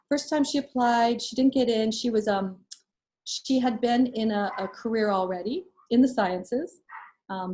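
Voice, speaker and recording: A woman's voice: mid-range voice, darkish tone. A woman advising students in a casual webinar, giving frank practical advice with fillers and restarts. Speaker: medical school admissions advisor. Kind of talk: casual webinar talk answering questions.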